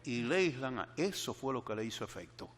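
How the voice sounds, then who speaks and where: A man's voice: mid-range voice, very animated, normal speed, big-room sound. An older man preaching a sermon meditation, earnestly repeating key phrases for emphasis as he tells a personal story.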